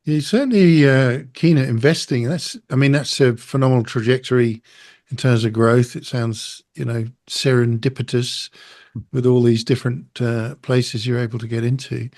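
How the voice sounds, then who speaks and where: Host, man with a mid-pitched voice, asks probing, meandering questions. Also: steady tone, moderate pace, darkish tone. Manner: probing, thinks aloud through long questions. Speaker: podcast host. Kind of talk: interview questions.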